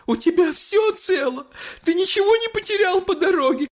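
Brief: male reader as distraught mother, sobbing high falsetto. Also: animated, normal speed. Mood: wailing. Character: frantic tearful mother, middle-aged woman.

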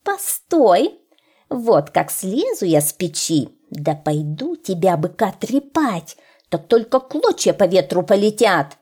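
A sly, scornful vixen from a storybook who taunts and threatens, as a woman acts her out. She stretches her words slowly, and her voice swings widely in pitch with a warm, dark tone. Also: very animated, slightly rough, heavily acted. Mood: threatening. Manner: mocking, taunting.

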